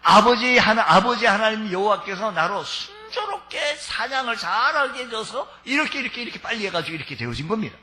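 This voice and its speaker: A scheming younger son who flatters and lies to his old father, as a preacher acts him out. His voice sits high and bright. It moves in eager, lively swings. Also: moderate pace, few pauses, full character voice. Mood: ingratiating. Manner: falsely polite, ingratiating.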